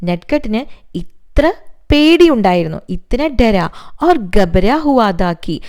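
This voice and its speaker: A woman's voice: medium pitch, darkish tone. Malayali woman teacher reading and explaining. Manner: reads Hindi lines then explains each in Malayalam; asks the class questions. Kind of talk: lesson explaining a Hindi text in Malayalam.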